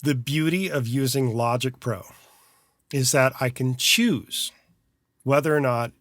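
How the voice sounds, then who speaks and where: In a studio, a man with a slightly bright, mid-range voice co-hosts a mixing podcast, speaking unhurriedly with no echo. He is a mixing engineer chatting casually, dropping dry, sarcastic asides about how fussy he is with his files.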